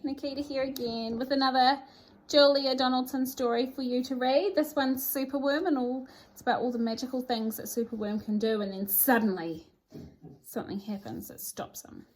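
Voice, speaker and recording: The audio is poor, but a woman's high, steady voice comes through at a moderate pace. She's presenting a children's picture book, reading it aloud expressively with a theatrical, sing-song rhyming delivery.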